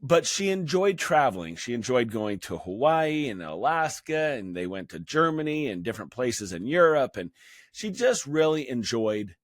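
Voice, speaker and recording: A man's voice: mid-range voice, sing-song, no room sound. Earnest middle-aged man, dry sound. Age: 50s. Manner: earnest, halting with many restarts. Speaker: fitness channel host. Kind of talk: personal talk to camera.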